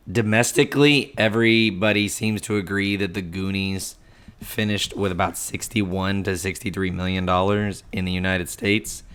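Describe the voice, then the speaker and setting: A man co-hosting a podcast, his voice hoarse and froggy from a cold, casually running through film facts in a halting, self-correcting way. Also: low-pitched. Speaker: podcast co-host.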